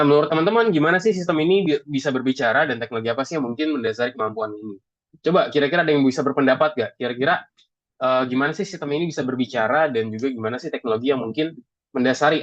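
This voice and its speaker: Fast-talking man teaching a class. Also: medium pitch, dry recording, highs cut off. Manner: chatty, asks the class questions, says "teman-teman" often. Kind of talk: classroom lesson.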